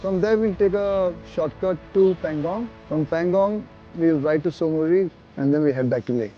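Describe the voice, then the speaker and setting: A man briefs riders on the day's route in an upbeat way. His voice is a little high for a man. The recording is slightly dull, with faint music. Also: moderate pace.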